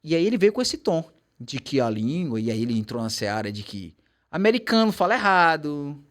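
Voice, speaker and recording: A man's voice: a little high, a little fast. A man with a Brazilian Portuguese accent, an English teacher telling stories in casual chat and slipping into quoted English. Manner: animated storytelling, switching into quoted English.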